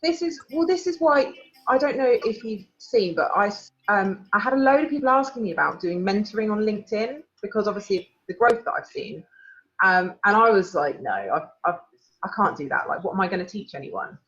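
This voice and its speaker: A woman with an English accent, a guest in a casual interview, telling animated stories and acting out what people said. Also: mid-range voice, brisk, highs cut off. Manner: animated storyteller, laughs often, acts out quotes.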